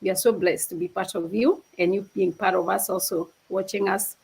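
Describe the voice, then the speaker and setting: A woman's voice: mid-range voice, fairly even intonation, brisk, creaky, a little mellow, husky, rough recording. A woman from Kenya hosts a live online stream and speaks earnestly to her viewers. She often repeats and restarts her phrases as she goes, and she comes through a video call setup. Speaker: host of a livestream. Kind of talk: casual livestream talk.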